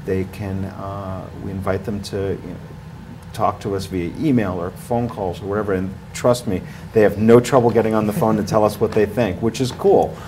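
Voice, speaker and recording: A man's voice: fairly low pitch, moderate pace, background noise. A man in his forties, a guest in a studio interview, talking in a rambling way with many fillers and restarts. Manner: rambling, with many fillers and restarts, gets louder when animated. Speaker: ski area marketing director, guest. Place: small TV studio, indoors.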